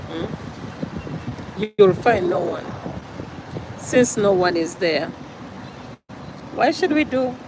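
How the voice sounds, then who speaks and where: A woman's voice: mid-range voice, background noise. A Ugandan woman with a Ugandan accent gives an earnest, preachy vlog monologue, repeating her points for emphasis. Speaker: vlogger.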